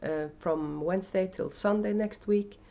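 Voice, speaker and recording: Recorded indoors at home through a camera mic, this Norwegian-accented woman talks off the cuff while hosting her knitting video podcast, stumbling into plenty of fillers and restarts. Her medium-pitched voice is dark and unhurried, and the high frequencies are cut off.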